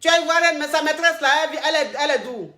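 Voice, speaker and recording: A woman's voice: sits high, racing, pushed and bright. A woman hosting an advice call, coaching a caller in a dramatic, teasing way and repeating her phrases over and over. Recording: roomy echo.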